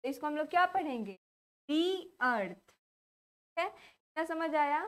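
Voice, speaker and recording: A woman's voice: high-pitched, lively intonation, normal speed, fairly bright tone. A young woman with an Indian accent teaching English grammar, who asks questions and then answers them herself. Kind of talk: classroom lesson explaining grammar.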